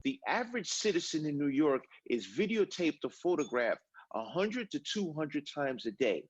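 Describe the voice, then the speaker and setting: A man's voice: fairly high pitch, very animated, normal speed, slightly rough, no echo. A mature man, a retired police officer, giving formal, declarative expert comment in a news interview. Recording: dull, band-limited interview audio.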